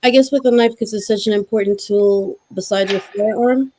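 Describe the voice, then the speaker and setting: A woman's voice: medium pitch, steady tone, normal speed, warm tone. A woman in a casual chat, giving practical, matter-of-fact advice.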